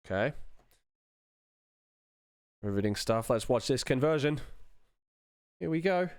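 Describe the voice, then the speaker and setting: A middle-aged sound designer livestreams his work, chatting casually and thinking aloud in a dry, self-deprecating way. His medium-pitched voice is smooth and expressive, moving at a slow pace. There is no room sound.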